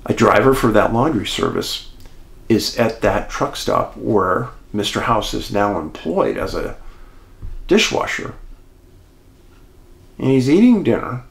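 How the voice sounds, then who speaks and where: A man hosting and telling a true-crime mystery story in an animated way, speaking straight to his listeners. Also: mid-range voice, measured pace, creaky, long pauses, echoey room. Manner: animated, addresses listeners as folks. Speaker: host and storyteller.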